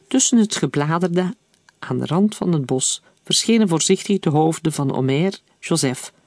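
A man narrating an audiobook in a calm, even storytelling manner. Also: on the high side, no echo, clean studio sound.

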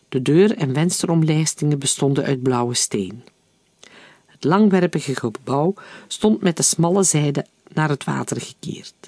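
A man reading a novel aloud in steady, even-paced audiobook narration. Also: fairly high pitch, dry recording. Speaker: reader.

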